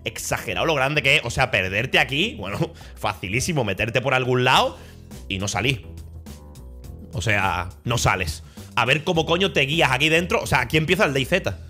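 A young Spanish streamer with a Spanish accent tells a travel story in casual chat, animated, swearing and laughing as he goes. His voice is on the high side.

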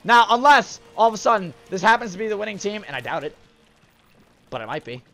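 A man's voice: high-pitched, very animated, fast, pushed and bright. A man giving live gameplay commentary, frustrated and exasperated, with sudden outbursts.

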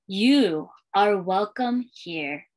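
A woman in her thirties, working as a school librarian, draws out her words as she reads a picture book to young children. Her medium-pitched voice has a darkish tone and lively, sing-song intonation, and she's in a small room with bookshelves and a curtain.

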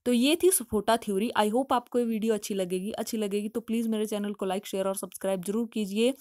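A woman explaining a study topic in a patient, step-by-step way, reading English lines slowly before explaining them. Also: medium pitch, steady tone, a little mellow, no room sound, studio quality. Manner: explanatory, patient, with frequent filler phrases. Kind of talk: study lesson in Hindi mixed with English.

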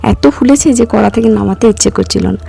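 Hoarse, gravelly woman vlogger. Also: medium pitch, a little fast, dark tone, soft background music. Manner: chatty, walks viewers through each step. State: hoarse from a cough. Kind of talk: casual vlog narration.

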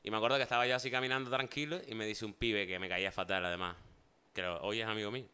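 On a talk show, a male guest tells funny childhood stories in casual chat, acting out the voices of the people in them. His voice sits on the low side with a clean tone, and he speaks very fast as an animated storyteller.

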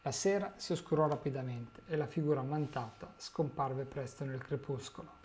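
A man narrating a novel chapter in a calm, measured reading. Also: medium pitch, a little hiss or hum. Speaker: illustrator and reader. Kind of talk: audiobook narration.

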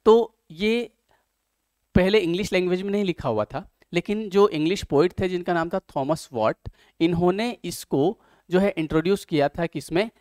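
A man teaching an exam-prep lecture, explaining step by step, asking questions and answering them himself, and reading English passages slowly. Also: sits high, a little mellow, dry recording, studio quality.

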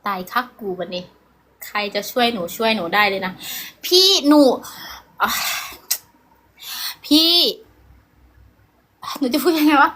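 A woman acts out a flustered young village girl with an Isan accent in a comedy sketch. Her voice is high and bright as she pleads and fumbles over English words she does not know. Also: expressive, takes it slowly, pauses often, heavily acted. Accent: Isan (Northeastern Thai).

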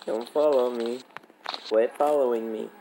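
A woman's voice: rumbling low, fairly even intonation, unhurried, mellow, slight background noise, low-quality recording. A woman chatting casually while playing an online game, teasing and playfully bossy. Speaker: gamer. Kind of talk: casual gaming chat.

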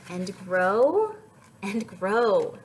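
A young adult woman with a medium-pitched voice speaks very slowly while reading to young children at story time, with slight noise in the background. She keeps things animated and sing-song, prompting the children with questions.

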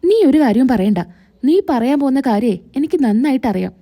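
A woman's voice: high voice, animated, brisk, mellow. A cold accusing husband, as a woman narrator tells it.

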